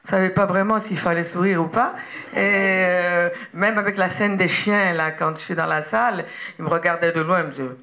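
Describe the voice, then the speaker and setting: A woman's voice: on the low side, fairly even intonation, moderate pace, pushed and bright. Woman guest, chatty anecdotes, laughs often, hesitant fillers. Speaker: interview guest, actress. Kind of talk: relaxed anecdotal interview talk.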